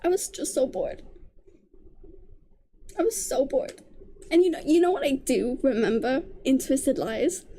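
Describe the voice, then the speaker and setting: A woman's voice: high-pitched, animated, a little slow, pauses often, mellow. A young woman casually ranting about books she read, exasperated and dramatic, often pleading. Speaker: book vlogger. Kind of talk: casual ranting book review.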